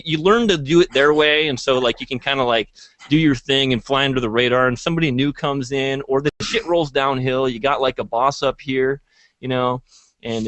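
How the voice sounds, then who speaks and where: A young man tells a story in a loose, rambling way, full of restarts and swearing. His voice sits at a middle pitch. The recording is dry and close, with no room sound. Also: no room sound. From Hawaii. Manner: rambling, profane, animated storyteller. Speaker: co-host. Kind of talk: casual storytelling.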